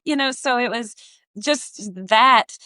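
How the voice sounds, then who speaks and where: A woman with a bright, ringing voice pitched a little high tells a story in a loose, casual way. She acts out what other people said as she goes. The recording is dry and close, with no room echo. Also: slow, clean tone. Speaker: guest, harness business owner.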